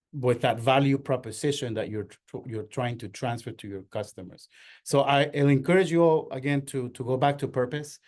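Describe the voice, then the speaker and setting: A man's voice: mid-range voice, a little mellow. Middle-aged man from Ecuador, earnest workshop presenter, hesitant with fillers, mid-range voice. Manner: earnest, many fillers and restarts. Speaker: workshop presenter, marketing agency owner. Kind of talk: workshop lecture.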